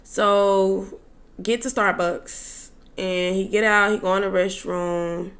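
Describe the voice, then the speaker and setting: A woman's voice: medium pitch, fairly even intonation, slow, fairly bright tone. Chatty young woman telling a story. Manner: chatty, exasperated asides to viewers, slangy. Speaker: storytelling vlogger. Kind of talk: casual story time.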